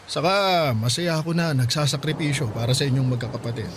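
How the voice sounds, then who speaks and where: This is a lightly acted radio-drama performance of a gentle, hardworking widowed father in his mid-forties, comforting and tender in tone. The man's mid-range voice moves fast over background noise.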